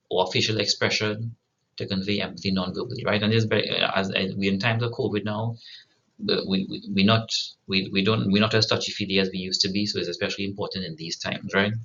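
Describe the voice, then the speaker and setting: Man lecturing, bright and dull-sounding. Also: lowish voice. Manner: frequent "right?" tag questions, restarts. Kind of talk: recorded lecture.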